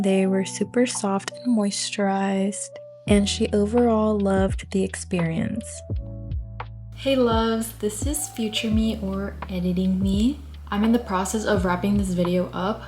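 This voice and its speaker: A woman's voice: medium pitch, darkish tone. A woman of about twenty, talking informally and chattily to viewers in a casual tutorial vlog style. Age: 19, about to turn twenty. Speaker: nail tech video host. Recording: music behind the voice. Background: background music.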